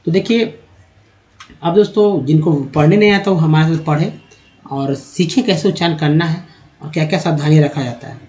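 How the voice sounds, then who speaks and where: A man's voice: on the high side, moderate pace, darkish tone. A man with a Hindi accent teaching English pronunciation from slides, patiently spelling words out letter by letter. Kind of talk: slide-based spoken lesson. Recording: dull lo-fi sound.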